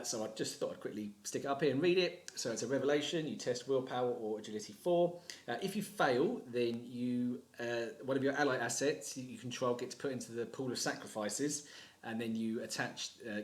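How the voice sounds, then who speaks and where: A man cutting in on his own playthrough to explain a card in a brisk, explanatory way. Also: mid-range voice, roomy sound. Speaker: card game player. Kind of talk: recorded aside explaining a card.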